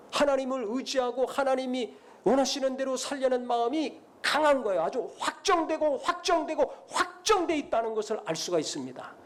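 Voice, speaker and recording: High-voiced Korean pastor preaching emphatically. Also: male voice. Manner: dramatic retelling, acts out biblical dialogue; rising to emphatic blessings. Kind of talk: sermon.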